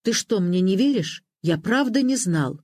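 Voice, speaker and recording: A reader voicing an aging widower who speaks in a hoarse, pleading way. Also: mid-range voice, a little slow, darkish tone, no room sound. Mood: anxious. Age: older. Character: aging widower, shaken and anxious.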